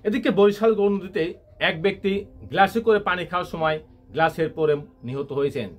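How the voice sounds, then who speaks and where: A man's voice: sits high, brisk. A man playing a parody news anchor, reading absurd bulletins with mock seriousness. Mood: mock-serious.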